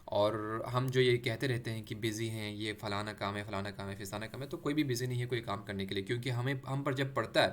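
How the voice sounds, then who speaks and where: A man teaching Quran recitation, explaining letters patiently and drawing out sounds slowly for practice. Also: on the low side, a little hiss or hum. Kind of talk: explanatory lesson with demonstrated pronunciation.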